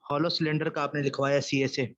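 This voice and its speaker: A man's voice: on the high side, little pitch movement, fairly quick, fairly bright tone, no room sound, muffled recording. A man speaking up as a student in an online class, polite but insistent.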